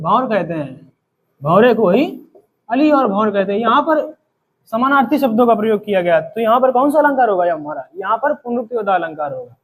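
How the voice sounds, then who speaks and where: A man teaching a grammar lesson, explaining each term by asking a question and then answering it, slowing down to recite example verses. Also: extremely high pitch, husky, poor audio.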